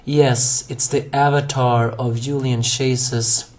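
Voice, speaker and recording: In a solo anime episode review, a young man with a hoarse, darkish mid-range voice rambles, full of fillers, restarts, and self-corrections. He keeps a level tone and speaks slowly.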